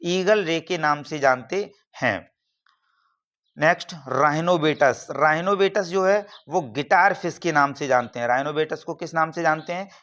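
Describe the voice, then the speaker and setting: High-voiced male biology tutor. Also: unhurried, a bit bright. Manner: repeats terms and asks the class questions; frequent "theek hai na" checks. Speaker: biology teacher. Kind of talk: exam-prep lecture.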